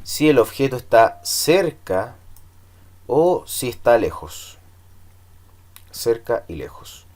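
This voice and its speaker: A man teaching English in Spanish, drilling numbers slowly and patiently for students to repeat. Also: medium pitch, sing-song, a little mellow.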